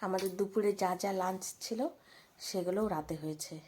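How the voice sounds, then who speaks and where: A woman chatting casually for her home vlog, filmed on a phone in a family house, often speaking softly and hushed. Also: mid-range voice, normal speed, a little hiss or hum. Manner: chatty, drops to a hushed near-whisper at night. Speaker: vlogger.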